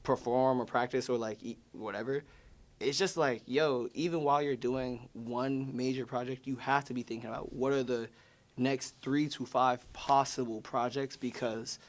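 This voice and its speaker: A man's voice: medium pitch, steady tone, normal speed. A man, answering interview questions in a loose, rambling way, full of "like" and "you know". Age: 20s. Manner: loose and rambling, heavy use of "like". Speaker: featured artist. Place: studio or room.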